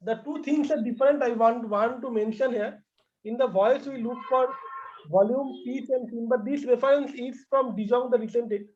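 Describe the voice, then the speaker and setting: A man's voice: very high voice, normal speed, a little mellow. A man presents a medical lecture online, listing terms and repeating words as he goes. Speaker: doctor presenting at a medical class. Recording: dull lo-fi online call audio.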